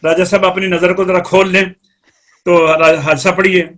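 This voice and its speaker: A man's voice: high voice, level tone, a bit bright. A man with a Pakistani Urdu accent teaching Quran recitation rules in a live class, explaining step by step and quizzing students by name.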